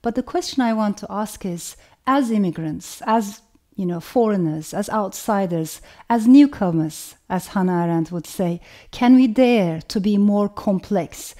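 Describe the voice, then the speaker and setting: A middle-aged woman with a Turkish accent, a novelist speaking reflectively about where she comes from, in a measured, thoughtful way. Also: medium pitch, animated, warm tone. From Turkey. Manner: measured, thoughtful, lists things in long chains. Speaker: novelist hosting her own channel. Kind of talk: reflective personal talk with a read passage.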